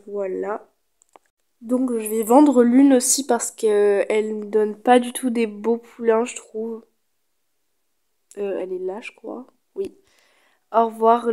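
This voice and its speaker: A woman's voice: a little high, warm tone. A woman giving casual, chatty gameplay commentary, thinking aloud as she goes. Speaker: gaming video creator.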